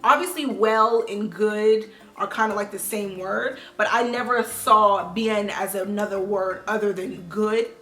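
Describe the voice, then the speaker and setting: A young woman vlogging casually to camera, animated and slangy, jumping between loud outbursts and quiet asides. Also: medium pitch, measured pace, few pauses. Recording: echoey room with faint music.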